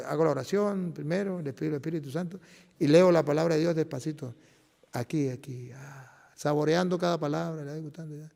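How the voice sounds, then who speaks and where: Earnest priest with a gravelly voice. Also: male voice, on the high side, a little mellow. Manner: earnest, emphatic, with many restarts. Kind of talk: personal testimony talk. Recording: long reverb of a large hall.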